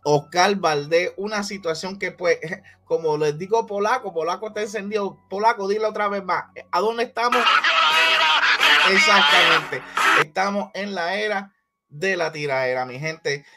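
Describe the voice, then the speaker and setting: A man hosting a casual boxing commentary vlog, talking in a lively, hyped way and repeating catchphrases. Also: sits high.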